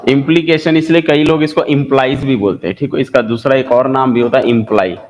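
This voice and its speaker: A man's voice: mid-range voice, fairly even intonation, fast talker, a little mellow, a little hiss or hum, low-quality recording. A man with an Indian accent teaching a maths lesson, who repeats key terms and asks and answers his own questions. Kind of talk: classroom lecture.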